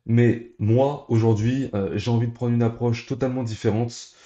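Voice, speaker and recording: A man's voice: mid-range voice, steady tone, moderate pace, warm tone, roomy sound, lo-fi sound, a little hiss or hum. A young man hosting a crypto news channel, talking straight to his viewers in an upbeat, scripted way. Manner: upbeat, direct address to viewers. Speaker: crypto YouTube host.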